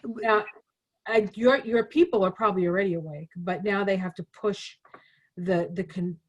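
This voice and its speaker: A woman's voice: medium pitch, steady tone, moderate pace, highs cut off. Chatty rambling woman astrologer. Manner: rambling, chatty, filler-heavy. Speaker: astrologer guest. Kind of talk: casual conversation.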